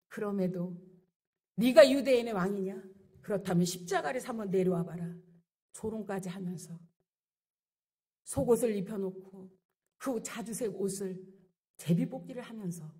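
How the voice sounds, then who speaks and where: A woman's voice: mid-range voice, breathy edge. A middle-aged woman pastor preaching a sermon with rising passion, acting out the people she quotes. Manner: impassioned preaching with acted-out quotes.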